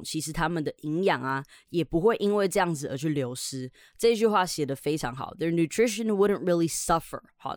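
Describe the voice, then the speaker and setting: A woman's voice: low voice, no echo, studio quality. A woman from Taiwan, hosting a podcast lesson as an English teacher. She is upbeat and chatty and explains words step by step.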